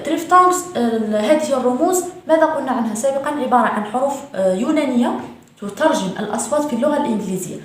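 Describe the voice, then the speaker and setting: A woman teaching English pronunciation in a lesson, repeating each word slowly and stressing it. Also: fairly high pitch. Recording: very echoey room.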